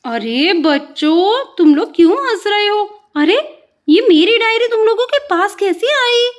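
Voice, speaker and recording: A woman voicing a kind old grandmother who scolds gently but lovingly in a children's doll story. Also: extremely high pitch, animated, a little slow. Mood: surprised, scolding.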